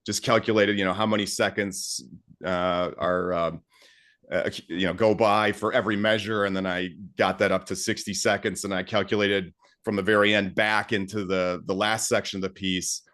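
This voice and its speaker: Deep voiced guy chatting about his music, excited, lots of uh and um. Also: normal speed. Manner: enthusiastic, many fillers and restarts. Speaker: guest composer. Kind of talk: casual interview talk.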